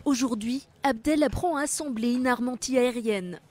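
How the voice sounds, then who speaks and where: Female reporter, fairly high voice, calm and clear scripted narration. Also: moderate pace. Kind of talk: scripted news voice-over.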